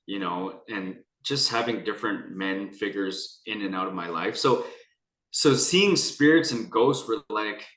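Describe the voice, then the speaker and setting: A man's voice: on the low side, a little slow, a bit bright. A young man from Canada telling his personal story in a candid conversation, rambling and earnest with many restarts. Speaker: guest. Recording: echoey room.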